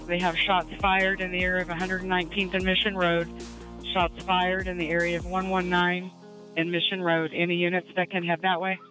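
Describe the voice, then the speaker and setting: A woman dispatcher heard over a police radio channel, keeping her voice steady and level while she relays urgent details. Her tone is bright and clear, and it barely rises or falls. The sound is archived radio traffic. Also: on the low side, rough recording. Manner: calm, measured, repeats key details. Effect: police radio transmission.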